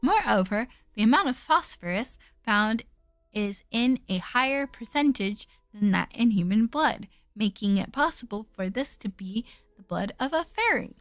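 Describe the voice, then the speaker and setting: A studious, pensive investigator, voiced by a woman reading out from a visual novel. She is measured and formal, with a bright tone and a dry, close sound. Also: on the high side, lively intonation, no room sound, soft background music, pitched below the performer's own voice. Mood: pensive, analytical.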